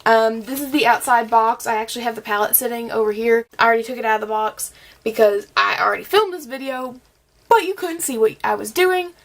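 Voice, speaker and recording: A young adult woman, a beauty vlogger with a slight cold that makes her a bit scratchy, chats and gushes through a casual makeup review. Her voice runs on the high side and fairly quick, with plenty of ums and likes.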